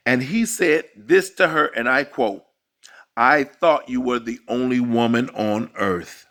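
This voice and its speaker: A man's voice: medium pitch, a bit bright. A man in his fifties, a coach, giving an emphatic, repetitive motivational talk to men. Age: 50s. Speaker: dating and life coach. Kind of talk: motivational monologue.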